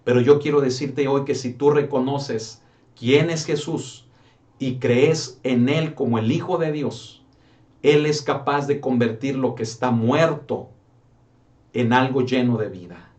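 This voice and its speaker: A male pastor delivers a sermon at a middle pitch. He preaches with rhetorical questions and keeps calling his listeners brother. His voice sounds set back from the microphone. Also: a little slow, a little mellow, distant mic.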